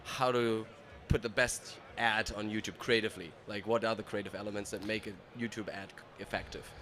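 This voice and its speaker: A man's voice: on the low side, fairly even intonation, fairly quick, fairly bright tone. A man from Germany with a German accent, chatting easily as an interview guest at a trade show and laughing often. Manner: easygoing, laughs often, loose storytelling.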